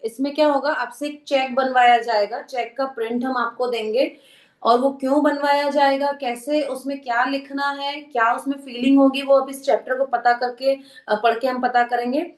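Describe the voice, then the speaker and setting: High-voiced woman teaching in an echoey room. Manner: explains patiently, often checks in with "right?"; mixes English words into Hindi. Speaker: self-help course leader. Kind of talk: live teaching session.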